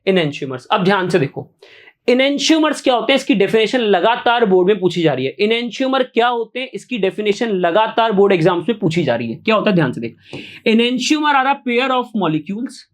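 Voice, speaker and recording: A man's voice: high voice, very animated, moderate pace. A man teaching chemistry online, repeating each question to his students and answering it himself, often asking yes or no. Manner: coaxing, keeps asking yes or no. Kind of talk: online exam-prep lecture.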